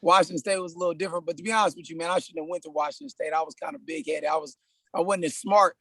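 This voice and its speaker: A personal trainer from California, thirtyish and relaxed, fires off words rapidly as a podcast guest in a casual chat. His slightly high voice carries some gravel, and he restarts often and peppers in "man." The recording is dry and close.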